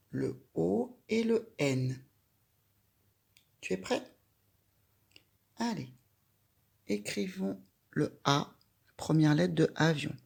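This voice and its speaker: A woman guides a young child through a handwriting lesson one stroke at a time. She speaks at an extremely unhurried pace, leaving plenty of room between simple instructions. Her voice has a noticeable gravelly fry. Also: sits low, darkish tone. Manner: patient, addresses the child directly with simple instructions. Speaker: handwriting teacher.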